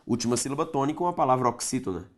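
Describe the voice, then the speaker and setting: A Brazilian man teaching grammar online, his pitch swinging widely up and down as he explains. He speaks straight to his viewers, checks often that they follow, and drags out key words slowly to make them stick. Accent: Brazilian Portuguese. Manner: animated, stretches key words slowly for emphasis; addresses viewers directly, checks understanding often.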